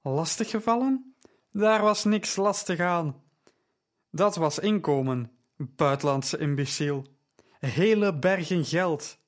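A man's voice: fairly high pitch, fairly even intonation, unhurried, natural voice. A man doing a blustering greedy slave owner. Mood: angry. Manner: shouting, scornful.

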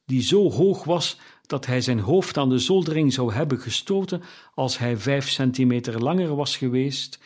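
A man reading a classic story aloud as narrator, in a slow and deliberate way. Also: medium pitch, darkish tone, slightly rough. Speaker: audiobook narrator.

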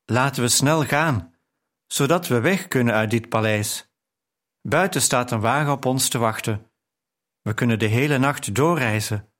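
A male audiobook reader voicing a remorseful father, a moody writer, speaking in a slow, gentle, regretful way. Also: medium pitch, natural voice. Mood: urgent. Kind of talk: audiobook character reading.

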